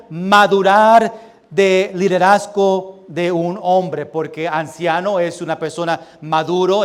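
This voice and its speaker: A young man with a Puerto Rican Spanish accent preaching a sermon as pastor, reading scripture slowly and loudly and dropping to quieter asides. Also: high voice, clear, resonant tone. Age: young adult. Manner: reads scripture slowly and loudly, then drops to soft asides.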